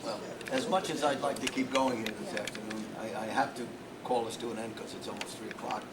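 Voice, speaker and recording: Male host, quick talk, closing remarks, distant mic, heavy background noise. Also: lowish voice, steady tone. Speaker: event host. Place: library meeting room.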